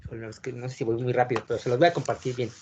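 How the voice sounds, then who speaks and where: A man's voice: medium pitch, level tone, racing, a little mellow, muffled recording, a little hiss or hum. A man with a Mexican Spanish accent lecturing a class as a teacher, explaining step by step and often checking whether the students are following. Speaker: wine course teacher.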